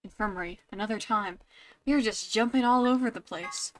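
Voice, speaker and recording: A woman's voice: medium pitch, brisk, slight background noise. A woman hosting a let's play, chatting casually about the game and reading its narration aloud.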